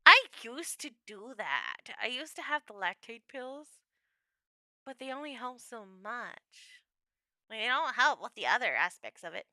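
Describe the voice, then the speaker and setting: A woman's voice: fairly high pitch, very animated, a little slow, pushed and bright, no room sound, clean studio sound. A young adult woman chatting casually with viewers on her livestream, playful and laughing often.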